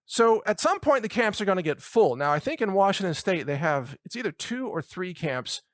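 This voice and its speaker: A middle-aged man hosting a talk show, delivering an animated, mocking political monologue. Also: sits high, normal speed, no echo, studio quality. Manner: animated, mocking, puts on voices for imagined people.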